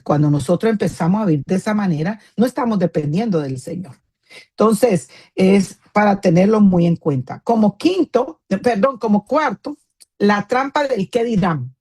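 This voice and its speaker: A woman's voice: fairly low pitch, dark tone, husky. A woman, a pastor's wife, giving an earnest teaching talk to other women in a firm tone that can sound scolding, with many fillers and "isn't that right?" asides.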